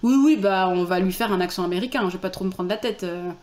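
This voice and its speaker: A woman's voice: on the low side, fast, a little mellow. A woman streamer chatting casually and thinking aloud, self-mocking as she plans character voices. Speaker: streamer preparing a book reading. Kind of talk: casual live-stream chat.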